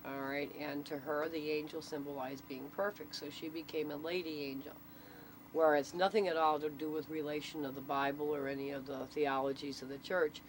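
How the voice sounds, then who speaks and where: Vehicle sounds and general noise mark this amateur recording of a local storyteller in an interview. Her voice is low and flat, and she talks fairly quickly, explaining things plainly and checking that the listener is keeping up.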